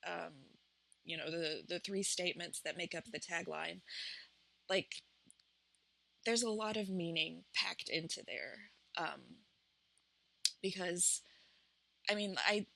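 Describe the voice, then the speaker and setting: Creaky-voiced Appalachian woman chatting casually. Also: fairly low pitch, bright, forceful tone, rough recording. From Appalachian United States. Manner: halting, reflective, self-conscious. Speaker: vlog host and small business owner. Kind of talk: casual, unscripted chat to camera.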